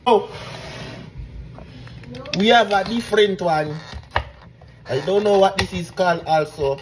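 A man's voice: high voice, a little slow, slight background noise. A man from Jamaica hosting a casual comic food-tasting video, chatting playfully and asking viewers directly for help.

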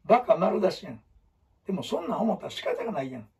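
A man with a Kansai accent, lecturing students on storytelling in an emphatic way, jumping between loud bursts and low asides. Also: sing-song, fast, vocal fry, slightly rough, distant mic. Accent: Kansai (Osaka). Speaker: storytelling teacher.

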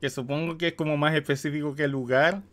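A man's voice: fairly high pitch, steady tone, fast talker. A man with a Latin American Spanish accent giving casual, amused reaction commentary. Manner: amused, breaks into chuckles. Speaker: reaction host.

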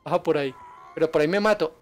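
A man streaming a game live, chatting with viewers and yelping in excitement at enemies. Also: on the high side, very fast, faint music behind. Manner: excitable, yelps and laughs at danger, chats with viewers. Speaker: gaming streamer. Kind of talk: live gameplay commentary.

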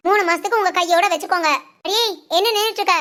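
A woman's voice: very high voice, fairly even intonation, rapid-fire, bright, forceful tone. Cold commanding cartoon mother-in-law, voiced by a woman. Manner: commanding, curt. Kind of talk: cartoon family drama voice acting.

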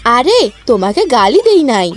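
Woman acting a high-voiced lovestruck village woman. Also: sing-song, measured pace, soft background music. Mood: pleading. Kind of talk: comic cartoon voice acting.

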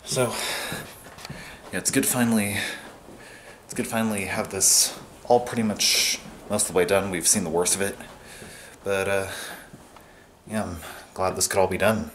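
A man's voice: low-pitched, steady tone, normal speed, pauses often. A young man giving a casual, rambling tour of his family's house, filming on a handheld camera with lots of fillers. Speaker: vlogger. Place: carpeted family house indoors. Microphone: handheld camera mic. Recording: noisy handheld camera audio.

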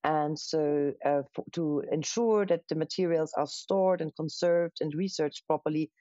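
A woman's voice: low voice, warm tone, no echo. Austrian woman guest, thoughtful curator, muffled dry webcam sound. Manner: thoughtful, pauses with fillers. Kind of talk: casual interview answers. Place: living room at home. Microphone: webcam on a video call.

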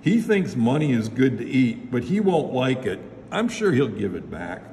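A man's voice: mid-range voice, sing-song, normal speed, warm tone. A man reading a storybook aloud and voicing an eager, earnest little girl, in an echoey hall with faint noise. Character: excitable little girl, owner of a pet.

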